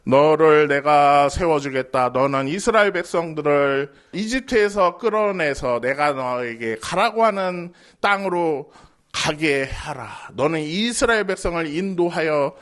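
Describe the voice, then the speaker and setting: A man voicing God as a solemn, commanding figure who calls and reassures, speaking slowly and deeply. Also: a bit bright. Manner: slow, deep and commanding.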